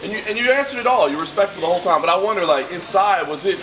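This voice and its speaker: A man's voice: sits high, expressive, rapid-fire. A man working as a reporter, asking rambling, stacked questions at a press scrum. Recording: noisy press room.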